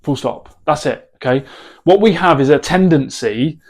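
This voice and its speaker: A man's voice: fairly high pitch, moderate pace, darkish tone. Plain-voiced man coaching on phone sales. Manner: direct, conversational, frequent fillers. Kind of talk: talking-head sales tips.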